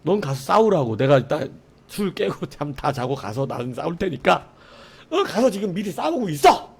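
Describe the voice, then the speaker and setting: A man voicing a gruff, hungover senior army sergeant who curses and grumbles irritably at being woken. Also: a little high, sing-song, moderate pace, heavily acted. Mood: dismissive. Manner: cursing, drowsy and irritable, shouting.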